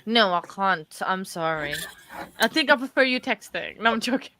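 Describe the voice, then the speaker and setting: A woman's voice: medium pitch, expressive, normal speed, background noise. A woman hosting a casual livestream chat in a jokey, scattered way. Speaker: livestream host.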